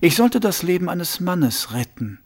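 A man plays a suave, composed city ruler who was once an assassin, speaking smoothly and deliberately with a hint of amusement, pitched slightly above the narration. The delivery is sing-song and exaggerated with a darkish tone. The mood is silky and measured.

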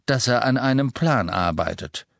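A man's voice: medium pitch, expressive, gravelly, fairly bright tone, no room sound, voice pushed up. A man voicing a fretful middle-aged wizard father who talks hesitantly in an audiobook. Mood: worried. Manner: hesitant, sheepish, halting.

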